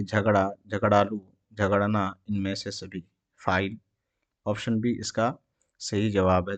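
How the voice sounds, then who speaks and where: A man's voice: on the low side, no room sound, muffled recording. A man with an Indian Urdu accent, teaching an exam prep lesson. He reads each question and its options aloud, then explains the answer.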